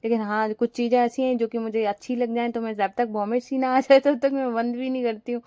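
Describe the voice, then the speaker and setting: A woman's voice: on the high side, level tone, quick pace, mellow, clean tone, no echo, lo-fi sound. A young woman narrating her household chores in a chatty, rambling home voice-over while sick with a fever. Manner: chatty and rambling, frequent fillers. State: feverish and weak. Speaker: home vlogger.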